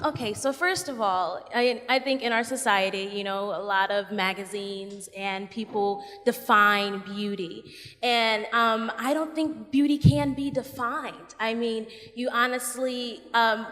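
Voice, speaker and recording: An earnest teenage girl with a slightly high voice talks on a panel, pausing now and then to find her words. A long hall reverb trails behind each phrase. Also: fairly bright tone. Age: teen. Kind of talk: casual panel talk.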